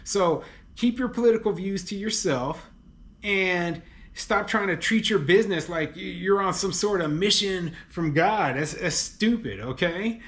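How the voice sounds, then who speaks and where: A man who owns rental homes talks through a news story in a loose, chatty way. He leans on fillers like "you know" and "okay" and laughs often. His voice sits a little high, and he turns openly exasperated as he gives his opinions. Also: a little slow, fairly bright tone. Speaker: landlord and real estate commentator. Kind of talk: casual commentary reading a news article.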